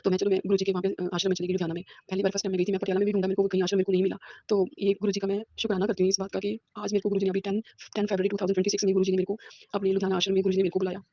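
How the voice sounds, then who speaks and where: Rapid, husky woman in her fifties. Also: mid-range voice, completely flat delivery, dark tone, dry recording, lo-fi sound. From Punjab, India. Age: 50s. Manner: earnest, repetitive, mixes in English words. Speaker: school teacher sharing a devotional testimony. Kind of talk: devotional testimony. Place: a room at home.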